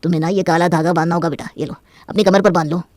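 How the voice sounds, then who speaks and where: Woman doing a smug male astrologer, bossy, instructive, fast talker. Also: lowish voice, fairly even intonation, darkish tone, dry recording, lightly acted. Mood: assured.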